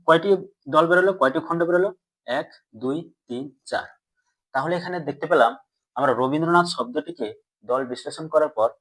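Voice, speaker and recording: A man teaching a grammar lesson to students. He asks them questions and answers them himself, and he stretches out words slowly syllable by syllable. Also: a little high. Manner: drawn-out slow syllable-by-syllable pronunciation.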